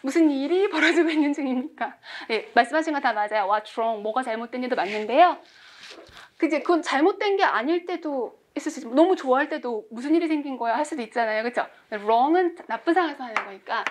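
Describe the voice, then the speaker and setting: A woman's voice: sits high, expressive, fast talker. A woman in her forties teaching English vocabulary in class, quizzing students and making small jokes. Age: 40s. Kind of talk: classroom lecture.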